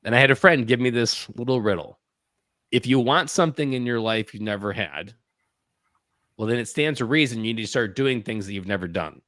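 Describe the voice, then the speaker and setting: In a reflective podcast interview, a man in his thirties earnestly shares personal stories, acting out his own inner voice in quotes. His mid-range voice is fairly bright and fairly quick, captured cleanly in a studio with no room sound.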